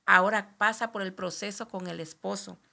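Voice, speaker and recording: A woman pastor hosting a faith podcast, gently affirming and addressing her guest as sister. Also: medium pitch, steady tone, moderate pace, creaky. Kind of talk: pastoral commentary.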